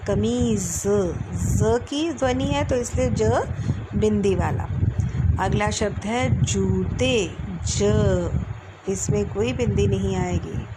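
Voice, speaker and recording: Woman schoolteacher, unhurried lesson delivery, drawn-out sounds, noisy recording with vehicles passing. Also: on the high side. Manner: slow, drawn-out sounding of letters and words. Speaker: school teacher. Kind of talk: recorded Hindi language lesson for children. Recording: clear background noise with passing vehicles.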